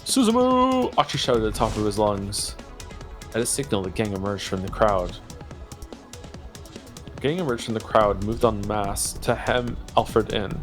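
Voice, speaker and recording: A man with a fairly low voice reads a story game aloud on stream. He moves between expressive narration and casual chat, sometimes tripping over words, with faint music underneath. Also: unhurried, long pauses.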